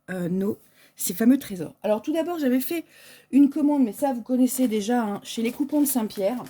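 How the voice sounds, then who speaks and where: Here a French sewing shop owner, her voice mid-range, mellow and husky, unboxes something while chatting casually. Her speech is hesitant and packed with fillers. Behind her, packaging can be heard crinkling.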